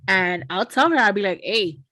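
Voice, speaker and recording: A woman's voice: fairly low pitch, normal speed, no echo. A woman in her thirties co-hosting a podcast, talking in a frank, emphatic and joking way. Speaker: podcast co-host. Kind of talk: casual chat.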